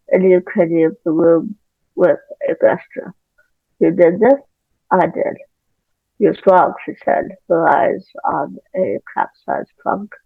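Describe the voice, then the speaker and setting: A woman's voice: on the low side, gravelly, no room sound. A woman reading an audiobook aloud as an amateur narrator, careful, with occasional stumbles over words. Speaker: audiobook reader. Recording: tinny phone-like home recording.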